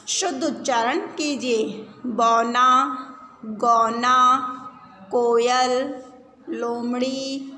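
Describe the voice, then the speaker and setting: A woman leads a reading lesson for young children, pulling each word out slowly and answering her own questions. Her voice sits a little high. The room rings with a long echo over a faint background hum. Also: fairly bright tone. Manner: stretches words syllable by syllable, asks and answers her own questions. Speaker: primary school Hindi teacher. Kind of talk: slow, drawn-out teaching of words to young children.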